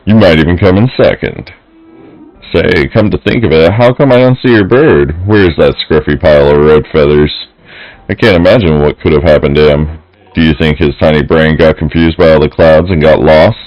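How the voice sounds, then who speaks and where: A man's voice: a bass voice, moderate pace, muffled recording. A man voicing a swaggering young male bully who taunts a classmate in a video game. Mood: taunting.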